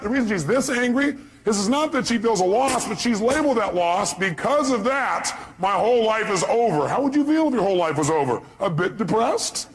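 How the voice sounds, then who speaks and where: A man giving a motivational seminar talk, animated and acting out the voices he quotes, sometimes shouting. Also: high voice, breathy edge. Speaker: motivational speaker.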